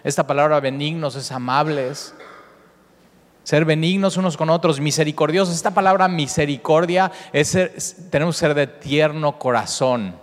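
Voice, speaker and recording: A man's voice: on the high side, normal speed. A man preaching a sermon as pastor, earnest, often rephrasing himself and circling back to a point. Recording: long reverb of a large hall.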